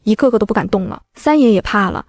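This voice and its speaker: A woman's voice: medium pitch, animated, quick pace, a little mellow, dry recording. A woman narrating a family drama in the first person as a self-assured heroine.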